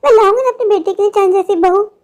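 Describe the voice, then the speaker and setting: A woman's voice: extremely high pitch, quick pace. A woman voicing a taunting scolding mother-in-law. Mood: gloating. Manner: taunting, sharp-tongued. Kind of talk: animated cartoon story voicing.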